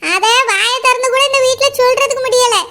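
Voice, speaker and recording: A woman doing a shrill bitter cartoon mother-in-law. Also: fairly quick, sharp tone, exaggerated voice. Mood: resentful. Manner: resentful, whining. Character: bitter complaining middle-aged mother-in-law. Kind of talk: cartoon voice acting.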